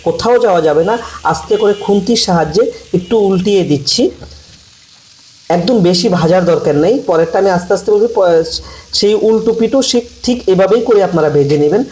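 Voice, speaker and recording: A man giving slow, repetitive step-by-step cooking instructions for a recipe. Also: high voice, darkish tone. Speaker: cooking channel host. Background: frying and sizzling from the pan.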